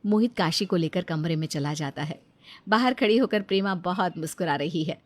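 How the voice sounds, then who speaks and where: A woman narrating a scripted cartoon story in an even, clear storytelling manner. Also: fairly low pitch, moderate pace.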